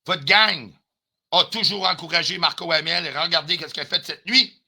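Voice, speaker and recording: A man's voice: fairly high pitch, moderate pace, gravelly, sharp tone, slightly rough. A man with a Quebec French accent ranting on a live stream, confrontational and heated, swearing often and dropping in English phrases. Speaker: livestreamer.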